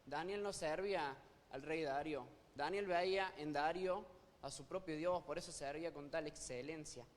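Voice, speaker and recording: Argentine guy preaching, kinda high voice, reads the bible dramatic, long church echo. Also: moderate pace. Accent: Argentine Spanish. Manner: dramatic reading of scripture, acting out pleading voices. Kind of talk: sermon. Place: church hall. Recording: church hall reverb.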